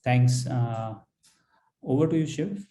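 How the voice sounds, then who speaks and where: A company executive with an Indian accent presents financial results on an earnings call. His mid-range voice is warm and expressive, yet his delivery is halting and hesitant, full of pauses and repeated words.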